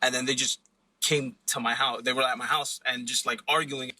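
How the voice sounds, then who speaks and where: A man's voice: mid-range voice, flat delivery, normal speed, bright, forceful tone, low-quality recording. A young man telling what happened in a rambling, confused way, full of fillers. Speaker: friend of a suspect, interviewed. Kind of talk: casual recounting.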